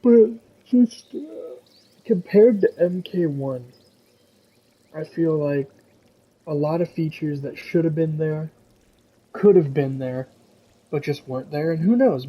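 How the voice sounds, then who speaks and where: A man's voice: on the high side, measured pace, husky, dull audio. A young man talking casually and frankly to his viewers, rambling a little and cursing now and then. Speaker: gaming commentator. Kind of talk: casual solo talk to viewers.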